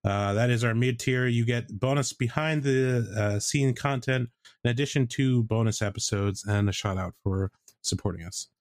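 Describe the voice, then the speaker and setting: A man co-hosting a podcast in casual chat, talking in a loose, halting way. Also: medium pitch, dry recording, clean studio sound. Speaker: podcast co-host. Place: indoors at home.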